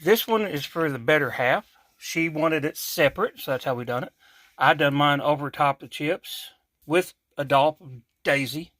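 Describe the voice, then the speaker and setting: A man's voice: on the high side, normal speed, a bit bright, no echo. A man from Kentucky with an Appalachian accent hosting a home cooking vlog in a folksy, chatty way, correcting himself as he goes. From Kentucky, USA. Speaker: cooking channel host. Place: home kitchen.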